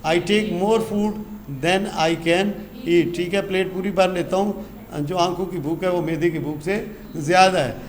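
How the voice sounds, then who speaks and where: A man's voice: sits high, fairly even intonation, unhurried, echoey room, slight background noise. A man teaching English grammar, switching between English phrases and explanations and answering his own questions.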